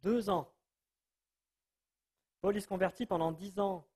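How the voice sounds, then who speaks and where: A man giving an informal Bible teaching, telling the story in a lively way and acting out the people he quotes. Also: high-pitched, unhurried, slightly rough. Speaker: preacher.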